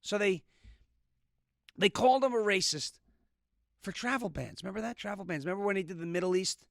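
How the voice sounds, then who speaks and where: A man in his thirties guest-hosts a political commentary show, laying on the sarcasm and snark. His voice is bright and forceful, pitched a little high. The sound is dry and close to the mic. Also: fairly quick, creaky, dry recording. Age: 30s. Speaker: guest host.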